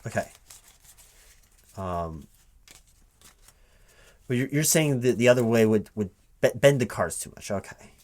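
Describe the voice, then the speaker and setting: A man with an animated, darkish mid-range voice speaks unhurriedly, with long pauses, playing a recruiting manager in a one-sided ASMR interview roleplay. The soft-spoken delivery is at normal volume, and he stammers, hesitantly repeating words.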